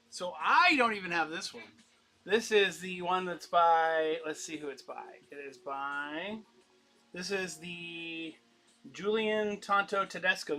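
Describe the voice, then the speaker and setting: A man's voice: sits high, pushed and bright, poor audio. A man running a casual live-stream comic auction, chatty and upbeat, rambling and laughing as he talks.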